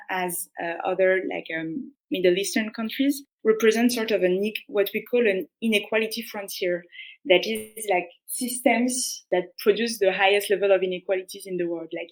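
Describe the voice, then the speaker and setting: A woman's voice: medium pitch, poor audio. A young woman with a French accent, explaining patiently as a guest on a podcast, with many restarts and "like"s. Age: young adult. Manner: earnest, explanatory, frequent "like" and restarts. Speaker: guest economist. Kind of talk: podcast interview.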